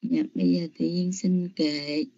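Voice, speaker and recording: A woman, reciting and breaking down scripture syllable by syllable in a polite, deliberate way as a student in an online class. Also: low voice, very animated, warm tone. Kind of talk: slow syllable-by-syllable Pali chanting and analysis. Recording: muffled online call audio.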